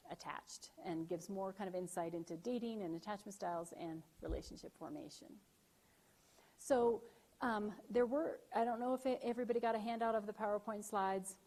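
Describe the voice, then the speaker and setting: A woman lecturing at a campus event in a warm, chatty way. She keeps checking in with her audience and grows animated when she tells stories. Her pitch sits in a middling range. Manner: chatty, frequent "right?" check-ins, animated retellings. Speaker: university lecturer. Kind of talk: lively campus talk. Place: event room.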